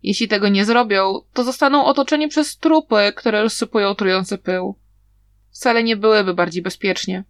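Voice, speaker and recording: A woman reading an audiobook as narrator, telling the story in a steady, even way. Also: mid-range voice, moderate pace, dry recording.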